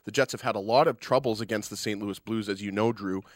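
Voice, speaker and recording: A man talks through hockey analysis as a radio co-host. His voice is fairly low and conversational, captured close in a dry studio. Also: quick pace, no echo.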